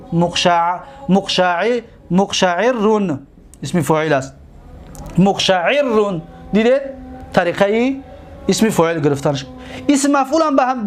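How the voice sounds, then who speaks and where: Tajik-accented male teacher, high-pitched voice, drills his class with repeated terms and quick questions. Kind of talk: classroom lecture.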